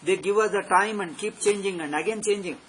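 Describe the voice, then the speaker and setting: A South Indian man with a fairly high voice delivers an unscripted religious discourse. He is emphatic and repetitive, pressing his points like a teacher, with faint noise behind him. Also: brisk, poor audio. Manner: emphatic, repetitive exhorting with tag questions. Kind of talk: spiritual discourse, extempore. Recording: background noise.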